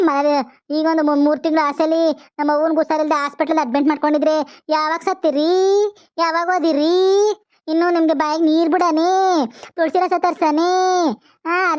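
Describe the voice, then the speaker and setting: A woman's voice: extremely high pitch, little pitch movement, moderate pace, pauses often, dry recording, lo-fi sound. A woman voicing a sly young son-in-law who teases in a mock-innocent way in a cartoon. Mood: teasing. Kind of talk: cartoon voice acting.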